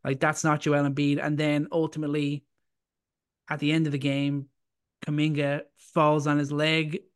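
Man with flat, steady voice. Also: on the high side, moderate pace, clean tone. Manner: stammering starts, then firm opinions. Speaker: podcast co-host. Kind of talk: casual sports talk.

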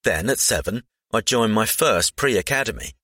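A man's voice: fairly low pitch, animated, normal speed, pushed and bright, no room sound, studio quality. A man reading a scripted profile aloud.

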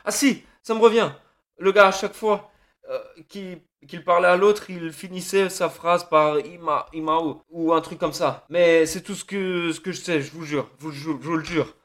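A man's voice: on the high side, fairly even intonation, moderate pace, fairly bright tone, lightly acted. A man playing a terrified, sobbing captive thug. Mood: pleading. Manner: panicked, stammering, pleading and cursing. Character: terrified captive thug under interrogation, male adult. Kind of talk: audio drama acting.

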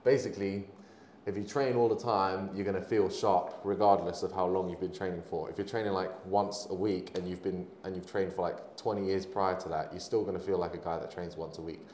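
A man's voice: deep voice, fairly even intonation, a little fast, few pauses, darkish tone, a little hiss or hum. Man chatting casually in an echoey room. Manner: swearing, laughs often, trails off. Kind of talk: casual podcast chat. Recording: roomy echo with faint ambience.

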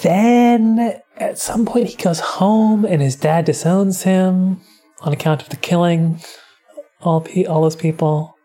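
A woman's voice: fairly low pitch, takes it slowly, warm tone, soft background music. A young woman casually recapping a film as a co-host, rambling and swearing offhandedly. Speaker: podcast co-host.

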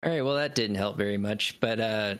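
A man playing a tabletop game, explaining his character's plans in a rambling, halting way. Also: fairly low pitch, clear, resonant tone, no echo. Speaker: player. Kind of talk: casual tabletop game chat.

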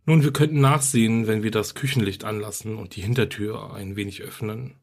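An offhand, teasing young guy from a storybook horror tale, read out by a male narrator. The voice sits low and slightly husky, casual and joking. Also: fairly even intonation, fairly quick.

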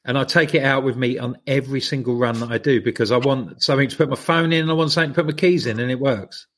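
A man's voice: mid-range voice, quick pace, fairly bright tone. A man chatting casually and self-deprecatingly on a running podcast. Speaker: podcast co-host. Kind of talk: casual chat.

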